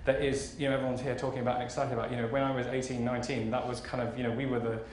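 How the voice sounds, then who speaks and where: Speaking rapid-fire in a flat, medium-pitched voice with a slightly mellow quality, this thirty-year-old fashion marketing executive gives a chatty, enthusiastic keynote. He's on a large conference auditorium stage, where roomy echo and faint background noise come through.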